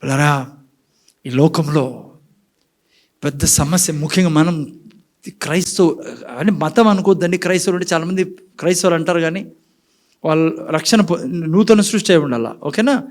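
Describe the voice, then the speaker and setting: A man preaching a sermon in church with a Rayalaseema Telugu accent, asking the congregation questions and switching between quiet and loud passages, dropping in English phrases. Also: a little high, normal speed, long pauses. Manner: mixes in English words and phrases. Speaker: pastor.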